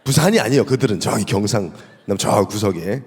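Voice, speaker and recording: A male pastor with a Gyeongsang accent, giving a lively, humorous sermon and asking the congregation questions. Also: on the low side, a little fast, gravelly, breathy edge. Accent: Gyeongsang Korean. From South Korea. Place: church sanctuary. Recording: echoey church hall.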